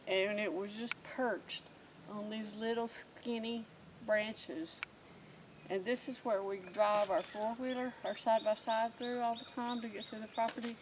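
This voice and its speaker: A middle-aged woman with a Southern US accent chatting casually and playfully as she explores the woods for a vlog. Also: medium pitch. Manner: playful, teasing. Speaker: outdoor vlog co-host. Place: outdoors in woods. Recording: noisy outdoor field recording.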